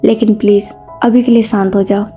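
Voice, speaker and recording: A woman voicing a middle-aged husband who teases his wife and calms her down. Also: medium pitch, fairly quick, faint music behind, lightly acted. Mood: placating. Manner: teasing, placating. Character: teasing middle-aged husband and father, calm peacemaker.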